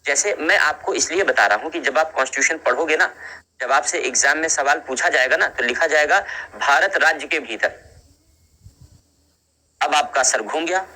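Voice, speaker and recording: A man teaching a lecture to students, repeating key phrases and calling them children, and speaking slowly because of a headache. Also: fairly high pitch, pushed and bright, rough recording. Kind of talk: classroom lecture.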